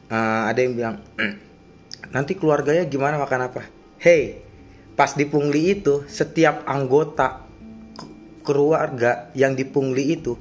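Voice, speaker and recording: A young man telling his complaint in a casual, slangy, agitated way. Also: mid-range voice. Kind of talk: casual vlog-style account.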